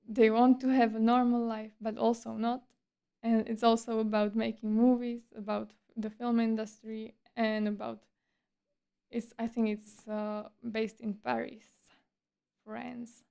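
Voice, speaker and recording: A woman's voice: fairly high pitch, creaky, darkish tone, clear, resonant tone. A woman streamer chatting casually in a livestream monologue, with a breezy, playful and slightly coy, teasing manner.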